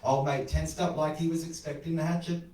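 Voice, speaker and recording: Man telling a dark horror tale. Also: fairly high pitch, fairly quick, crowd noise. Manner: animated, wry, crude storytelling. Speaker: storyteller. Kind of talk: dramatic spoken horror narration. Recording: echoey room, voice far from the mic.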